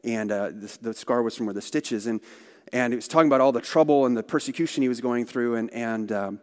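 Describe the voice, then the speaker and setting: A man's voice: mid-range voice, fairly quick. Man giving a church talk in a reverberant hall. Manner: conversational, retelling stories with asides. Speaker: missionary organization speaker.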